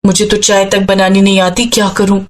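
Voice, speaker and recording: Woman doing a shrill hot-tempered young sister. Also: level tone, a little fast, natural voice. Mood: worried. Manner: shrill, scolding.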